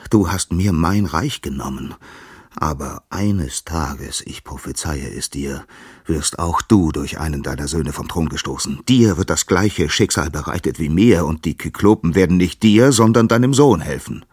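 A man's voice: extremely low pitch, unhurried, slightly rough, no room sound, clean studio sound, exaggerated voice. A man voicing a fearful, suspicious old male sky god in a storybook reading. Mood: bitter, prophesying. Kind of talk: storybook narration.

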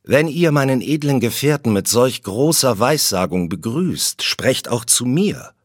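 A man voicing Benko, a loyal warrior companion who speaks in a measured, wondering way. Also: mid-range voice, expressive, no room sound, clean studio sound, pitched above the performer's own voice. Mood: bold.

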